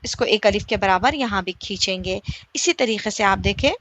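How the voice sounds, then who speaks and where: A woman teaching a slow recitation lesson. She asks her listeners questions, answers them herself, and stretches the example vowels out slowly. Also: mid-range voice, fairly bright tone, slight background noise. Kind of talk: slow step-by-step tajweed lesson.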